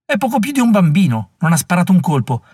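A man's voice: high voice, sing-song, quick pace, darkish tone, breathy edge, no echo, clean studio sound, voice pushed up, exaggerated voice. A man reading an audiobook voices a fierce young Mohawk woman who scolds warriors scornfully and commandingly. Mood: fierce scorn.

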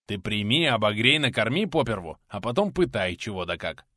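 A man voicing a stocky, bearded former outlaw, a gruff, teasing man with a hoarse, coughing voice. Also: on the low side, very animated, a little fast, pushed and bright, dry recording, clean studio sound, heavily acted. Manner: gruff, threatening, mocking.

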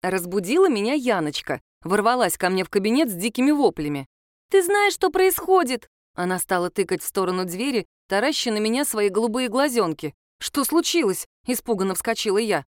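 A woman's voice: mid-range voice, expressive, fast, hardly any pauses. A woman narrating an audiobook in the first person. She tells the story expressively, and her voice rises and falls with plenty of life. The recording is dry and close, with no echo.

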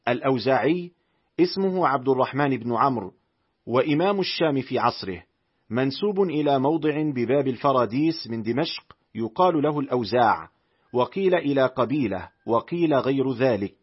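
A man reading a classical reference text aloud as an audiobook narrator, carefully spelling out vowels and letters in a measured way. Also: mid-range voice, expressive, husky, highs cut off. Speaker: audiobook reader.

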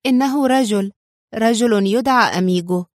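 A woman's voice: fairly high pitch, dry recording, studio quality, close to an everyday voice. A woman voicing a bold, determined young woman who bargains in a cool, businesslike way. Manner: businesslike, cool, quick to turn sharp.

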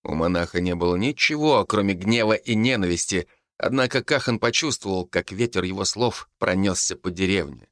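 A man narrating an audiobook with expressive storytelling. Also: low voice, moderate pace, hardly any pauses, dry recording, studio quality.

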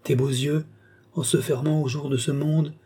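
Un lecteur incarne un homme de génie ambitieux, tendre et solennel. Le timbre est chaud et feutré, le ton posé et déclamatoire. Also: male voice, a little high, flat delivery, normal speed, dark tone, slightly rough, pitched above the performer's own voice. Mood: ardent. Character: ambitious male mystic, grand and tender.

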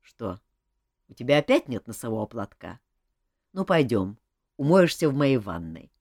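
Gruff bossy king, read by a woman. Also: very deep voice, sing-song, normal speed, a little mellow, no room sound, studio quality, pitched below the performer's own voice, heavily acted. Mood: relaxed. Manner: gruff, commanding, grumbling.

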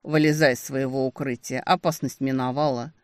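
A woman's voice: very deep voice, fairly even intonation, normal speed, no echo, clean studio sound. Woman playing a smug, teasing male demon. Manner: mocking, smug.

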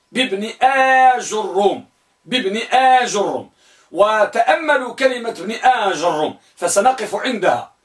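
A man teaching an Arabic grammar lesson. He quizzes his students and spells each word form out slowly, repeating it. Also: high voice, a bit bright, echoey room, far from the mic. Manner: asks the students questions and answers them himself.

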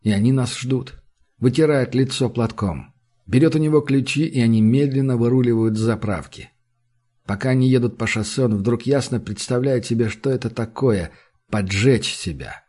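A man reading a literary novel aloud in a measured, intense manner. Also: medium pitch, a little mellow. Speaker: audiobook narrator. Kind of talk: scripted literary narration.

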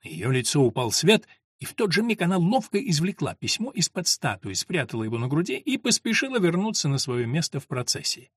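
Male narrator, measured storytelling, husky, somewhat high voice. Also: big pitch swings, no room sound, studio quality. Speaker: audiobook narrator. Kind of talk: scripted narration.

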